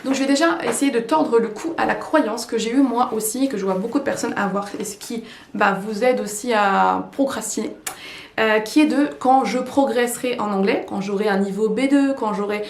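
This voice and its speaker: Young woman, coaching to camera, higher voice, chatty with fillers, roomy echo. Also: moderate pace, a little hiss or hum. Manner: lively, repetitive, many fillers. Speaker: English teacher and YouTuber. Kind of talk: casual coaching talk to camera. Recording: echoey room.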